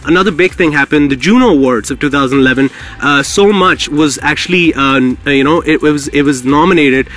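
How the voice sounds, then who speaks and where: Bright, high-voiced male radio host. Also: fairly quick. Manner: hype-filled, repetitive, slangy. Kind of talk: live radio interview, effusive hosting.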